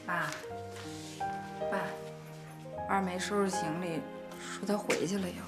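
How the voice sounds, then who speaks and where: An actress playing an emotional grown daughter who is quick to cry and defend herself. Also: female voice, fairly low pitch, steady tone, over loud music, lightly acted. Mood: worried. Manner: tearful, defensive. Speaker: elder daughter.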